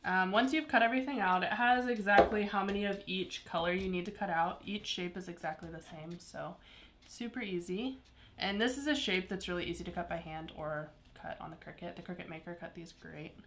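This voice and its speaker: A woman's voice: fairly low pitch, brisk, background noise. A woman teaching a paper craft live, explaining each step in an easygoing way with small laughs. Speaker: craft instructor. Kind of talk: live craft tutorial chat.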